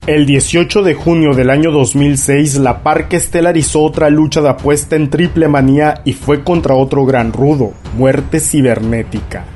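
A man's voice: a little high, mellow. A man delivering scripted narration as the narrator of a lucha libre documentary. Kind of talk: scripted narration recounting wrestling matches. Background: background music.

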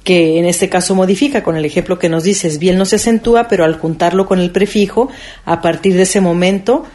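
A woman's voice: fairly low pitch, brisk, warm tone. A woman hosting a radio chat, recapping her guest's points back and asking follow-up questions. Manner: recaps the points back, curious, with frequent affirming sounds. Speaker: radio host.

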